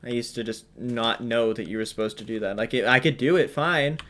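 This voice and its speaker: A man rambles through casual commentary while playing a game, circling back and restarting his sentences. His voice sits at an ordinary middle pitch. Faint keyboard clicks tick in the background. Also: a little fast, fairly bright tone, slight background noise. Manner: rambling, hesitant, many fillers and restarts. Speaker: gaming commentator. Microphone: headset or desk mic while wearing headphones.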